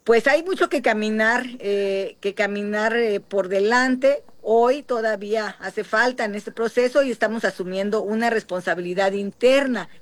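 A woman with a Mexican coastal accent, a politician answering interview questions in a measured way with many pauses. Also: medium pitch, dry recording. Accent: Mexican, from the Guerrero coast. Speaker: interviewed senator and candidate.

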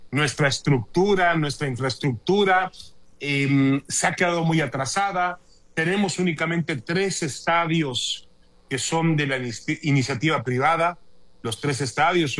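A man's voice: a little high, a bit bright. A man with a Mexican accent, a panelist making a firm, critical case. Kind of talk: opinion panel discussion.

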